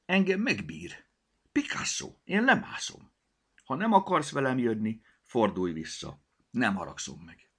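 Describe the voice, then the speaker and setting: A man putting on a high, excited little girl. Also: breathy edge. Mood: determined. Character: brave, curious little girl.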